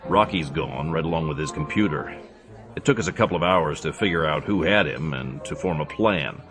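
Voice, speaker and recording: Tough action hero, extremely low voice, dry and understated, audio drama over clear music. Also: male voice. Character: tough, laconic male action hero, drily teasing.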